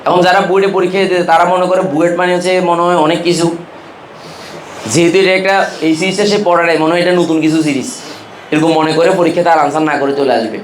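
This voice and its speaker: A man's voice: fairly high pitch, steady tone, fast talker, a little hiss or hum. Man drilling chemistry mnemonics, echoey room. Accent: Chittagong Bengali. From Bangladesh. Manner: drills students with call-and-response questions and mnemonics. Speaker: chemistry teacher. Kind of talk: classroom lecture.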